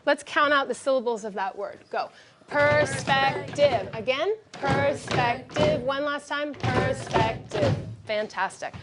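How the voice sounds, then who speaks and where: A woman with a high, light voice teaches a vocabulary lesson in a classroom. She speaks clearly and directively, guiding students step by step and praising them often. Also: normal speed, hardly any pauses, over loud music.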